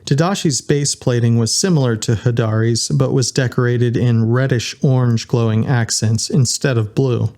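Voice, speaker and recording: A man reading an audiobook in a steady, unhurried narration. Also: mid-range voice. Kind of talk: scripted narration.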